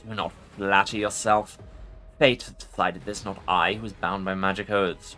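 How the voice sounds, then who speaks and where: Guy doing an ancient undead lich for a fantasy game, super haughty n imperious, forceful voice, bit of music behind. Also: low-pitched, steady tone, normal speed. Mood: irritated, haughty. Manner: pompous, imperious formal speech. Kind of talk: dramatic video game role-play reading.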